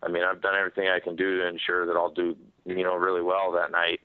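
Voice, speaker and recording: A man with a very deep, quite flat voice gives candid interview answers. He halts and repeats words as he goes, and the sound is a narrow, dry phone conference line. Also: quick pace, no room sound. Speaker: professional MMA fighter being interviewed. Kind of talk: candid media call answer. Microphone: telephone.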